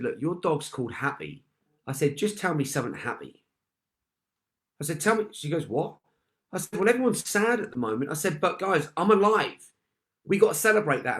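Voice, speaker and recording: A man with a slightly higher voice delivers an emphatic motivational talk. He tells a personal story and repeats key phrases, often addressing the audience directly. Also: a bit bright. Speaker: motivational speaker.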